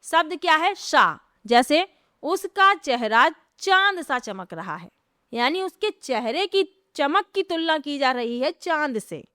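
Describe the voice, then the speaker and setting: A woman's voice: high-pitched, sing-song, slow, sharp tone, dry recording, clean studio sound. A woman teacher giving an exam-prep grammar lesson, explaining step by step and asking herself rhetorical questions before answering them.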